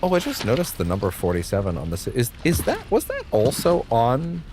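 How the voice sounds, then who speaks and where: A man's voice: mid-range voice, huge pitch swings, fairly quick, music in the background. A man giving casual, playful gameplay commentary, often stammering as he streams. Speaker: game streamer.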